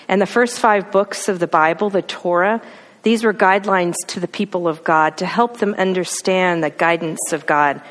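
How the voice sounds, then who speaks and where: Lady preacher telling a bible story, lowish voice, big echoey church hall. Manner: storytelling, rhetorical questions, emphatic lists. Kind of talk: sermon.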